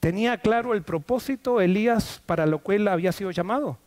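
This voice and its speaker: A man's voice: sits high, a little fast, darkish tone. A man preaching a sermon to a congregation in a church, asking them questions and answering them himself. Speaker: pastor.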